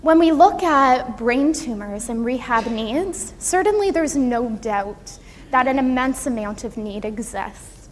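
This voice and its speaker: Speaking softly in a high voice, an occupational therapist presents a prepared conference talk to an audience in a conference room, expressive and unhurried. The hall echoes, and background noise can be heard.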